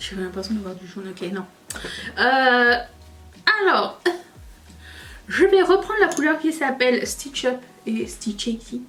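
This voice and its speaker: A woman's voice: on the high side, lively intonation, measured pace, pauses often, fairly bright tone, recorded from a distance, soft background music. A woman chatting casually while doing her makeup, rambling and self-mocking. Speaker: beauty youtuber. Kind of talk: casual get-ready-with-me chat.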